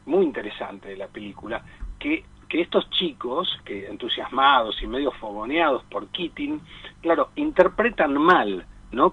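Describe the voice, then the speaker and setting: A radio show team member and film columnist with an Argentine Spanish accent offers conversational film commentary in a mid-range, slightly breathy voice. He digresses and halts, often tacking on tag questions to seek agreement. The sound is phone quality.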